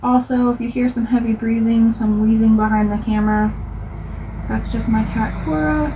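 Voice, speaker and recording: A woman's voice: fairly high pitch, fairly even intonation, moderate pace. A young woman vlogger telling a dramatic story while doing her makeup, breaking off for chatty product asides. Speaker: beauty vlogger. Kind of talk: get-ready-with-me storytime. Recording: slightly dull, faint noise.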